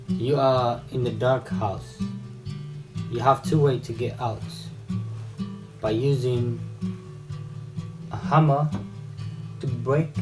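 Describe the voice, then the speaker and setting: Slow, reflective male narrator. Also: mid-range voice. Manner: slow and measured, building an image step by step. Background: guitar music.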